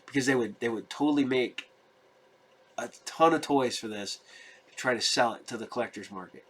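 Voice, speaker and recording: A man's voice: mid-range voice, normal speed, a bit bright, slightly rough. A middle-aged man hosting a show, chatting informally and a bit rambling to his viewers. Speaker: host of a cartoon show. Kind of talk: casual chat to viewers.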